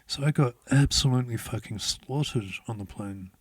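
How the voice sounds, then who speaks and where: A man's voice: medium pitch, normal speed, husky, no echo. A man, telling a story as an interview guest in a laid-back way, swearing often and laughing as he goes. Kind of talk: casual storytelling.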